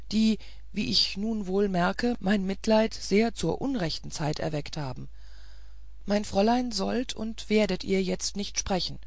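A brave old housekeeper from a storybook, firm and resolute, standing her ground with a gravelly, measured voice, as a woman narrator puts her on. Her words come slowly and deliberately, in a dry, close sound. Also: medium pitch, no room sound.

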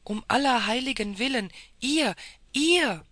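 A reader voicing an elderly noblewoman who exclaims in a raised, gravelly voice. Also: medium pitch, steady tone, moderate pace, bright, forceful tone, no room sound, studio quality. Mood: fervent. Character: elderly noblewoman, anxious and fervent.

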